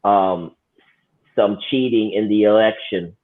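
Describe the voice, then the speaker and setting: A man's voice: on the low side, takes it slowly. A man co-hosting a casual political talk, musing and sarcastic, often restarting his sentences. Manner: sarcastic, reflective, many restarts. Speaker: podcast co-host. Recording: tinny phone-like line.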